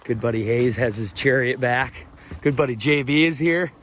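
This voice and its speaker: A man hosting a casual fishing vlog outdoors on a lake boat, talking in an excited, chatty way. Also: medium pitch, normal speed. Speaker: fishing vlogger. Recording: light outdoor noise.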